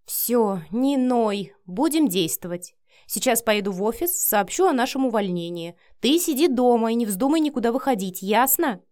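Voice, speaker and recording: Woman reading as a brisk, bossy female friend. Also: fairly high pitch, expressive, a little mellow, lightly acted. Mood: firm. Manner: brisk, firm, caring but bossy. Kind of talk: audiobook character reading.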